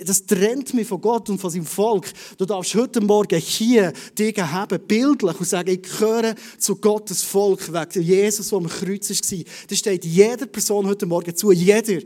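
A man preaching a conversational sermon in a Swiss German accent, swinging between loud bursts and hushed asides. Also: high-pitched, normal speed, hardly any pauses. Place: church service.

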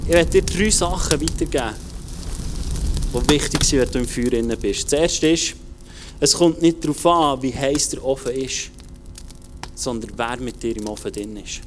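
A man preaching a casual, colloquial sermon, talking straight to the listener and swinging between loud urging and quiet intensity. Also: fairly high pitch, slight background noise.

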